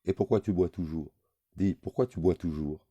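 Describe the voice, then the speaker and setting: A man reading a novel aloud, voicing a sharp-tongued young woman who scolds her lover. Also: low-pitched, normal speed, husky, no echo, highs cut off. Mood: reproachful. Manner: cutting, scolding.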